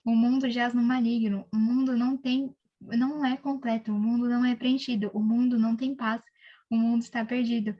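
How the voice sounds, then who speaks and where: A young woman with a Brazilian accent telling a faith testimony in casual chat, animated, with many fillers. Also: on the high side, fairly quick, highs cut off. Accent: Brazilian Portuguese. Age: young adult.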